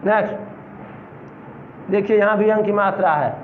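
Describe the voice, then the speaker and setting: A middle-aged man, teaching a classroom reading lesson, slowly spelling out words syllable by syllable. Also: high voice, reverberant. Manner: slow, drawn-out syllable-by-syllable spelling. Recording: tinny phone-like recording with faint hiss.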